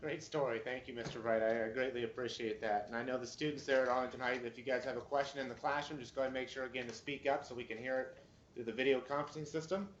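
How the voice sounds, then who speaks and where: A man hosting a classroom video call, talking quickly and politely. His voice sounds roomy and echoey, heard through dull, lo-fi conference audio with faint background hiss. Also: medium pitch, fairly even intonation. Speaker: moderator.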